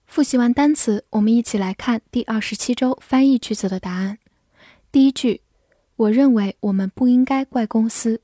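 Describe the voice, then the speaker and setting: Slow, mellow-voiced woman teaching vocabulary. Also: a little high, dry recording. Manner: repeats each word twice, then gives part of speech and meaning. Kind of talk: slow, deliberate vocabulary drill.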